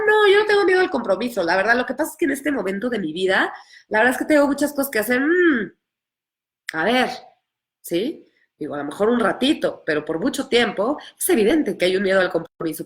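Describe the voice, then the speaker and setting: Woman coach, bit high voice, earnest, keeps repeating herself and acting out what people tell themselves. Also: a bit bright. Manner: earnest, acts out inner voices, repeats key phrases. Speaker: empowerment coach. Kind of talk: live talk and group coaching.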